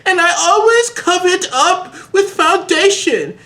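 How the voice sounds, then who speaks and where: A woman voicing a melodramatic goth teenage boy wizard, reading his lines in a high, sing-song, overwrought way. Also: lively intonation, a little slow, a bit bright, heavily acted. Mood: whiny.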